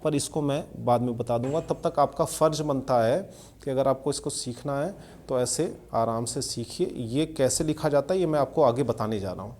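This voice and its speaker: A man teaching English grammar in a video lesson. He explains slowly with examples and often checks that listeners follow. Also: mid-range voice, a little mellow.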